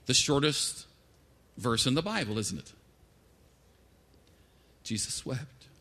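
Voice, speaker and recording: A man preaching a sermon in a chatty, animated storytelling manner with many restarts. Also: mid-range voice, takes it slowly. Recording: echoey hall.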